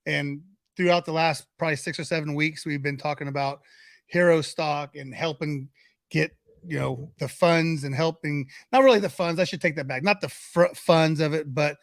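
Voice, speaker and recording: A man's voice: fairly high pitch, steady tone, normal speed, no echo, studio quality. A man hosting a casual veterans podcast, joking around and often restarting his sentences. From Central Valley, California. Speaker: podcast host.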